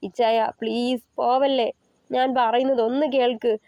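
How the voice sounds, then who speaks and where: A frightened young wife who clings and begs in broken, tearful phrases, as the woman narrator plays her. Her voice is high and close, recorded dry with a dull, lo-fi edge. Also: flat delivery, measured pace, warm tone, dry recording. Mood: tearful pleading. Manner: tearful, stammering pleas.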